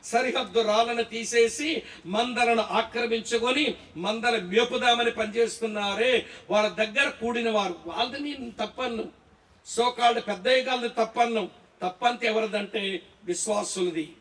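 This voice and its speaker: A man preaches at a conference, his voice very high for a man. He keeps asking the audience questions and checking they understand. The sound is echoey and he stands far from the mic. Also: moderate pace, fairly bright tone. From Andhra Pradesh, India. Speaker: Bible teacher preaching. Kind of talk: sermon at a pastors' conference. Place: large echoey hall. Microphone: distant from the mic.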